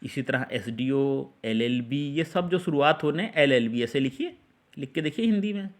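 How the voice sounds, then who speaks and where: A man's voice: medium pitch, expressive, normal speed. Man teaching English articles in Hindi. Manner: repeats and quizzes with questions.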